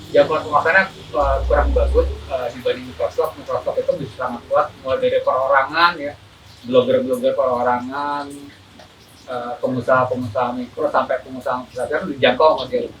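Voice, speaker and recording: A man's voice: mid-range voice, a bit bright. Guy explaining stuff thru a face mask, hesitant, repeats words, slightly distant, faint noise. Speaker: photography teacher, interview guest. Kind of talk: casual explanatory interview talk.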